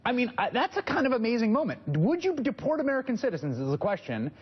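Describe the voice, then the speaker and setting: A male news host with a husky, breathy voice that swoops widely in pitch as he talks. He leads the panel, thinking aloud and restarting his sentences. The broadcast audio is slightly muffled. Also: big pitch swings, fast talker. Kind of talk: cable news panel discussion.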